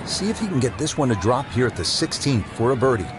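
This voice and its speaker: A man's voice: mid-range voice, very animated, quick pace, a crowd in the background, natural voice. A man giving golf commentary as the lead announcer, with music behind him. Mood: measured.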